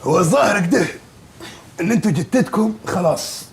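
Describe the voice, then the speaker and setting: El Kabeer, a loud bossy Upper Egyptian village head. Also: male voice, sits high, lively intonation, a little fast, vocal fry, a little hiss or hum. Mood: mocking. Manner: scolding, sarcastic, insulting. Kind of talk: sitcom acting.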